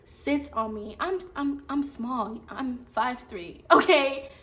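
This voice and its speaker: A young woman telling a dramatic personal story to her viewers, acting out the quotes with loud outbursts. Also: high voice, slow pace. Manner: dramatic, acts out quotes loudly. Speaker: storytime vlogger. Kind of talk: animated storytelling.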